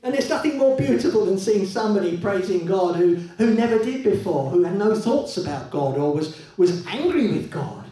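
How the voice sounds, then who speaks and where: A man preaching a sermon in a church, conversational and lively, with many rhetorical questions to the congregation. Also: high voice, normal speed, hardly any pauses. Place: church hall. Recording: echoey hall, voice from a distance.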